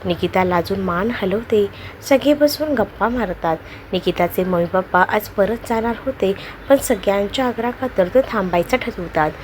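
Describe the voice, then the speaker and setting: A woman narrating a love story in a steady, even reading voice. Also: medium pitch, moderate pace, slight background noise, rough recording.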